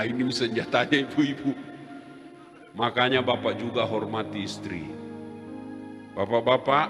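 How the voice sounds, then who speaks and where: Comic preacher, male, lively storyteller who plays his characters; live hall sound with music underneath. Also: mid-range voice. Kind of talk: humorous sermon.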